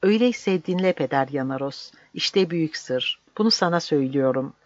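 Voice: mid-range voice, expressive, a little fast, no echo, close to an everyday voice. A reader doing a fervent young monk. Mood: hushed. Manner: fervent, pleading, rising declamation. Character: passionate young male monk turned partisan. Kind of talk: audiobook reading. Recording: dry, slightly dull.

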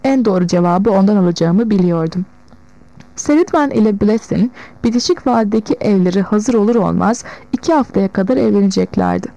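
A woman narrating a novel in the first person, in a measured storytelling manner. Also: medium pitch, warm tone, low-quality recording. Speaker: audiobook narrator.

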